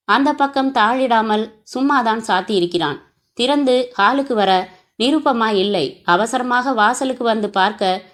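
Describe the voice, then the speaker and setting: A woman narrating a crime novel in a steady storytelling manner. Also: fairly high pitch. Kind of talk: audiobook narration.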